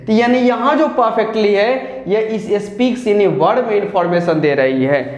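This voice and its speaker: A man's voice: high-pitched, normal speed, reverberant. A man with a Hindi accent, teaching an English grammar lesson patiently, step by step with repeated examples.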